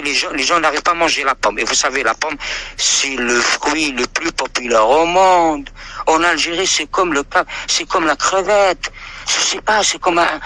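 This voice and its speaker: Insistent Algerian man with a bright voice. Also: fairly high pitch. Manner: insistent, argumentative, leans on repeated filler phrases. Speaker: speaker in an online audio debate. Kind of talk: heated online debate.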